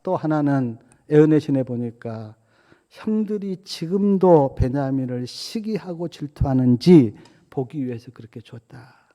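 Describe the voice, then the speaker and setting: A man's voice: a little high, animated, measured pace, warm tone. A male pastor giving a storytelling sermon, retelling scripture with acted-out quotes. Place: church sanctuary. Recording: long church hall reverb.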